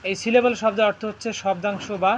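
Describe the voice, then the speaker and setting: A man's voice: sits high, fairly even intonation, quick pace, background noise. A male teacher, leading a classroom lesson and constantly quizzing his students and asking if they follow. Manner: quizzes students constantly, ending lines with "right?". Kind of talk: classroom lesson with call-and-response drilling. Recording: dull lo-fi classroom recording.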